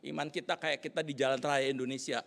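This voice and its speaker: A middle-aged man preaching a sermon as pastor, telling stories with lively, animated delivery. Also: medium pitch, fast talker, gravelly. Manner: animated storytelling, acting out angry shouts. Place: church hall. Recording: echoey church hall.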